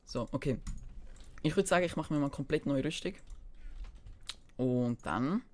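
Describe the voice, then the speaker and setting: Here the Swiss German-accented game streamer sounds expressive, his voice on the high side and a little mellow at a measured pace. He half talks to himself and half answers chat while keys clatter and the mouse clicks.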